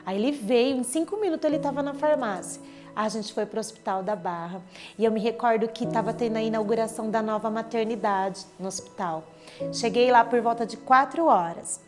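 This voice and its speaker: A woman's voice: on the high side, fairly quick. A woman gives a personal church testimony, retelling events vividly and with emotion, acting out what others said. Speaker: church member giving testimony. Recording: clear background music under speech. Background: soft instrumental music.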